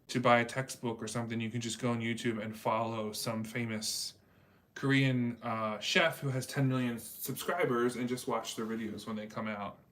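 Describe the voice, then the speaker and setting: A man with an ordinary middle-pitched voice hosts a casual livestream at normal speed, reading the chat. He rambles in a relaxed, chatty way, packing his sentences with small asides and plenty of fillers.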